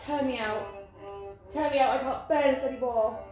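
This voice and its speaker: A woman acting a despairing young sister on stage, sighing and breaking into anguished shouts. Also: medium pitch, a little slow, natural voice. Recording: distant, echoey stage with violin music.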